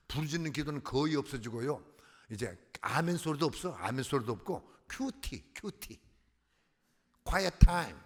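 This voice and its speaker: A man preaching a sermon in a church, swinging between loud crying-out and hushed murmurs. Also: medium pitch. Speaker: guest pastor. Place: church sanctuary. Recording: reverberant church hall.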